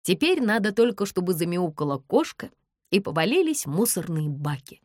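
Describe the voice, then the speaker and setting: A woman narrating a first-person audiobook in an expressive storytelling way. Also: fairly low pitch, moderate pace, no echo, clean studio sound.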